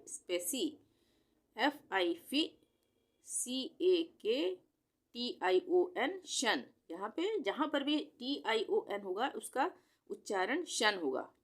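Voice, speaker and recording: A woman teacher patiently sounding out long words letter by letter in a spelling lesson. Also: mid-range voice.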